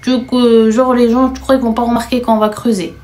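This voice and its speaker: Woman putting on an incredulous big brother, exasperated, pitch jumping up in outbursts, storytime narration. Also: level tone, brisk, a little mellow, close to an everyday voice. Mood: mocking. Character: indignant older brother, man in his thirties.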